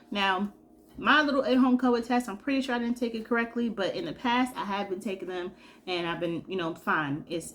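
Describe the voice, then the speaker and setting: A young woman from Georgia, sick and congested, chats casually in a vlog with a mid-range voice. She tells a story animatedly, acting out what people said, over a slight hiss or hum.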